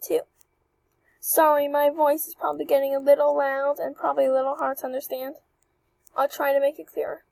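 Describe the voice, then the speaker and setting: A young woman chatting excitedly through a walkthrough of an avatar creator, with apologetic asides. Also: sits high, vocal fry, no echo, poor audio. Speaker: channel host reviewing avatar creators. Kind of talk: casual screen-recording walkthrough.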